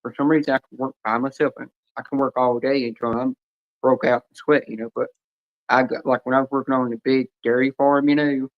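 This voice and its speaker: A man talks at an ordinary middle pitch, rambling from one story to the next in casual chat. His voice comes through a dull, lo-fi stream mic. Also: flat delivery, brisk.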